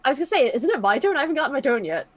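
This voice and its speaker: A woman's voice: high-pitched, very animated, rapid-fire. A woman chatting casually and thinking aloud as she narrates her turn as a tabletop game player.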